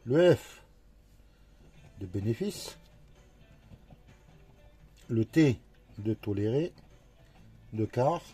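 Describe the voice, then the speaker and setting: Slow, husky man scratching tickets. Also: mid-range voice, expressive, mellow, faint music behind. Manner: slow, talking to himself, letter by letter. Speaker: scratch-card vlogger. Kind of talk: casual commentary while scratching tickets.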